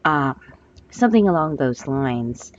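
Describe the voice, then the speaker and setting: A woman with a hoarse voice giving a monthly love forecast as a tarot reader, talking gently and hesitantly with many fillers. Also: sits low, very animated, measured pace, highs cut off.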